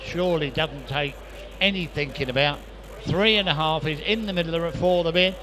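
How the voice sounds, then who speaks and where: Male auctioneer calling bids, higher-pitched. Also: a little fast, pushed and bright, slight background noise. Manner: repetitive patter of prices and bids. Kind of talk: live auction chant, rapid repeated bid calls. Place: busy auction sale room.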